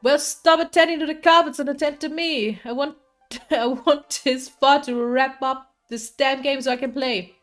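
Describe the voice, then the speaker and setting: A woman's voice: sits high, fairly even intonation, normal speed, fairly bright tone, soft background music, voice pushed up. A woman voicing an impatient kid at an arcade, demanding and whiny.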